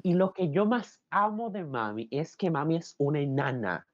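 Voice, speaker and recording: Brief: young man, lively storyteller, pitch leaps around, dry dull recording. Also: moderate pace, no echo. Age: young adult. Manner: animated storyteller, acts out quotes. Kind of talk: casual chat, storytelling.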